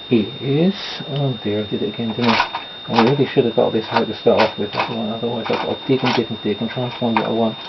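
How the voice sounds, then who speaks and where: Here a man in a mid-range voice with vocal fry meanders through casual talk as he applies makeup at home, with some self-deprecating asides. The clip is a noisy, dull lo-fi home recording.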